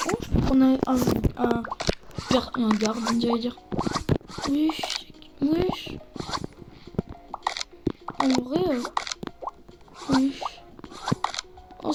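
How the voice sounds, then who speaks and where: High-voiced, excitable woman over loud game music. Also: low-quality recording. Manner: excitable, chatty, self-mocking. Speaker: gaming streamer. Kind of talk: casual gameplay commentary.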